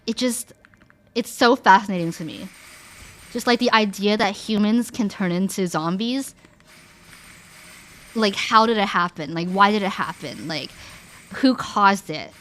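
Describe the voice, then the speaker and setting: A young woman streaming, chatting casually with viewers in an animated way, filling her talk with "like" and restarting her sentences. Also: mid-range voice, measured pace, long pauses. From Canada.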